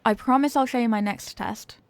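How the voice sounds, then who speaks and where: A woman voices a popular cheerleader in a one-sided ASMR roleplay addressed to her tutor, dodging questions, getting flustered, hesitating and growing defensive. She sounds natural, with a fairly high, creaky-edged voice at a brisk pace. The audio is close and dry, with no room sound.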